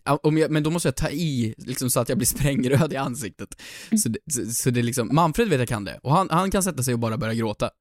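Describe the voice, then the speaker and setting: A young man co-hosting a casual podcast, teasing and joking with quick comebacks. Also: mid-range voice, lively intonation, dry recording, studio quality. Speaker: podcast co-host.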